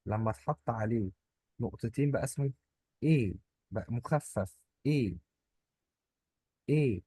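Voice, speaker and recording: Brief: Egyptian-accented male tutor, husky, dry close sound, playful and chatty. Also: medium pitch, normal speed, dark tone, dry recording. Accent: Egyptian Arabic. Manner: playful, explains with little stories and jokes. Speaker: German language teacher. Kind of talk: informal online lesson.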